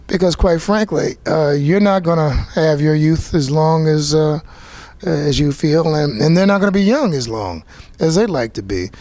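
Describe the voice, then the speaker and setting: A playwright with a mid-range, slightly mellow voice speaks with no echo in a post-show talkback interview after a theater performance. He is earnest and reflective, frequently restarting his sentences.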